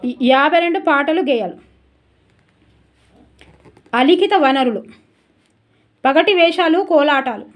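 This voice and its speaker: A woman teacher giving a brisk, chatty exam revision lesson and turning aside to talk to viewers. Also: sits high, animated.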